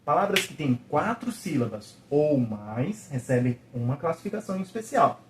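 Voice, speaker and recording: Patient male teacher, lively pitch. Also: noisy background. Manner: patient, checks in with the viewer often; sounds out syllables slowly. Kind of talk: video lesson.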